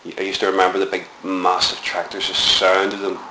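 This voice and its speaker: This is an oral history interview with a middle-aged man with a Belfast accent from Northern Ireland. He speaks fairly quickly in a low, monotone voice, wandering reflectively through his childhood recollections with many fillers. The room echoes and a faint hiss is audible.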